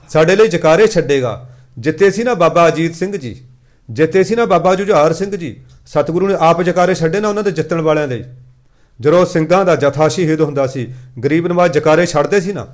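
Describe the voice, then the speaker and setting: A man giving a Sikh katha sermon, chanting scripture lines slowly and then explaining them in a conversational, way. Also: a little high.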